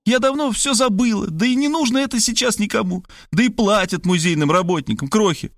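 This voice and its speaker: A man's voice: high-pitched, moderate pace, dry recording, clean studio sound, pitched above the performer's own voice, lightly acted. Man voicing a plaintive, sighing sister. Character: emotional young woman, the narrator's sister. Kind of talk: audiobook reading.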